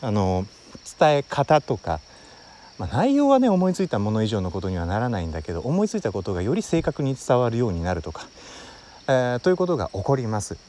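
A man from Wakayama hosting his own talk show at his family home, explaining in an unhurried way as he thinks aloud. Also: mid-range voice, huge pitch swings, mellow, a little hiss or hum. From Wakayama, Japan. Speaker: podcast host. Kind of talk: casual solo talk.

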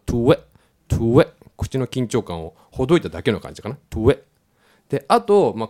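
A man's voice: lowish voice, a little mellow. A man teaching English pronunciation in a casual lesson, repeating words to demonstrate the sounds. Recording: faint background music.

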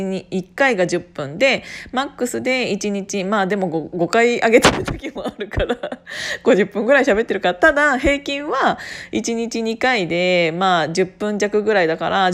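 A woman in her twenties from Gunma, hosting her own podcast in casual solo talk, chatty, with frequent laughs and fillers. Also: medium pitch. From Gunma, Japan. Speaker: podcast host.

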